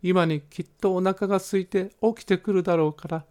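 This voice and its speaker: A man's voice: high-pitched, steady tone, a little fast, dark tone, smooth, pitched above the performer's own voice, close to an everyday voice. A man reading a children's story voices a mother who talks to herself about her stubborn son in a raised voice. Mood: exasperated. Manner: fussy, talking to herself. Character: scolding mother in a children's tale.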